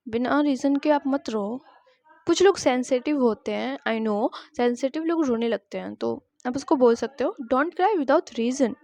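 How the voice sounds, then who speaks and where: A young woman teaching spoken English in a friendly, chatty way, saying each English phrase slowly for her students to repeat. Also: high voice, creaky, dark tone, no echo. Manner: says English lines slowly for repetition; friendly, chatty explanations with everyday examples.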